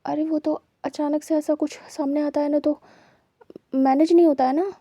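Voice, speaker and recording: A woman's voice: high-pitched, fairly even intonation, normal speed, dark tone, no room sound, clean studio sound. A woman voicing a flustered middle-aged father who defends himself and tries to soothe. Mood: placating. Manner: placating, defensive. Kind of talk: dramatized story reading.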